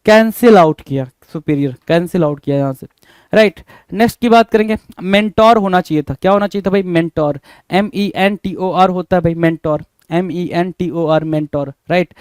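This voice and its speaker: A male English teacher with a high, slightly mellow, clear and resonant voice gives an exam-prep spelling lesson at a moderate pace on a dry recording. He repeats every word, spells it out letter by letter, and keeps calling his students "bhai."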